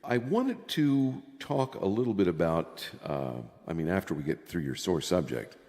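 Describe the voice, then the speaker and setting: A man's voice: low-pitched, very animated, moderate pace, darkish tone. An older man hosting a podcast in casual chat, his voice soaked in cave-like reverb. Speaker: podcast host.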